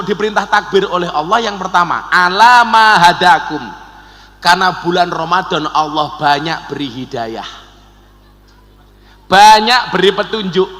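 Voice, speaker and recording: High-pitched, bright Javanese preacher in a hall. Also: male voice. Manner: jokey, switches between Indonesian and Javanese, chants verses slowly. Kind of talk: humorous religious sermon. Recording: long hall reverb.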